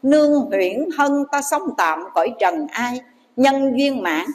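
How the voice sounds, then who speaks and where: A Buddhist nun telling a story in a dharma talk, addressing the audience directly. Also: female voice, on the high side, expressive, slow pace. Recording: long hall reverb.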